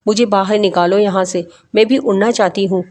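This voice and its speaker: A woman's voice: mid-range voice, steady tone, a little mellow, close to an everyday voice. A woman narrator voicing a young woman locked in a room, who pleads in a childlike way. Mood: pleading.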